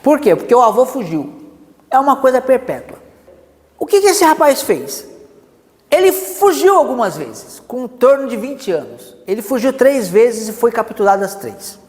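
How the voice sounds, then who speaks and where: Animated Brazilian male preacher. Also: very high-pitched, normal speed, big-room sound. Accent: Brazilian Portuguese. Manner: animated storytelling with many asides. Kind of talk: sermon.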